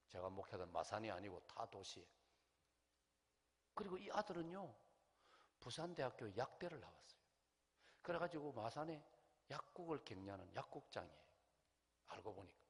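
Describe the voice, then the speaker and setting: Gyeongsang pastor preaching in a reverberant church. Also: male voice, lowish voice. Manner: animated storytelling, acts out quoted voices, asks the congregation questions. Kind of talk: revival sermon with storytelling. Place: large church sanctuary. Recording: long hall reverb in a church.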